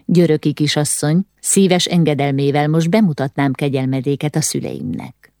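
A woman's voice: sits low, dark tone, no room sound, clean studio sound. A woman voicing a polite, awkward young nobleman who speaks formally. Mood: courteous. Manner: formal and courteous.

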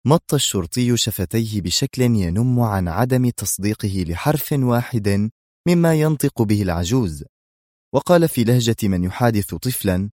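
A man narrating a novel in a measured storytelling manner. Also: fairly low pitch, animated, dark tone, dry recording, clean studio sound. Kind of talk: audiobook narration.

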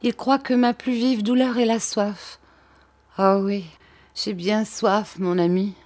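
A woman voicing a dying noblewoman in an audiobook, feverish and childlike, pleading in a breathless, high voice. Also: fairly even intonation, takes it slowly, a little mellow, dry recording, lightly acted. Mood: tender pleading. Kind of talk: audiobook character voice.

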